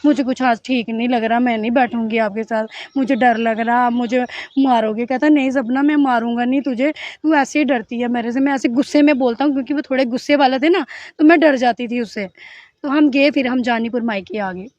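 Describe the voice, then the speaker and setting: A high-pitched middle-aged woman tells her story in an earnest, pleading voice. She keeps slipping into the words of the people around her. The sound is dry and a little dull, like a lo-fi interview recording. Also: fairly even intonation, fairly quick, a little mellow, no echo. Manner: earnest and pleading, often acts out others' words. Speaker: interviewee telling her account. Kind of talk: emotional personal testimony.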